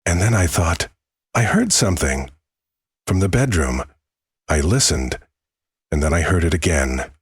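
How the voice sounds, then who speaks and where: A man with a low, husky voice narrates a horror story in the first person. He is measured and leaves dramatic pauses, and the sound is very dry. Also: lively intonation, no room sound.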